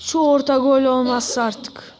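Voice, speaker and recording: A young-sounding, voice giving excited, casual football game commentary, exclaiming and shouting at goals and misses. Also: sits high, moderate pace, noisy background. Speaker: gamer commentating own football career-mode play.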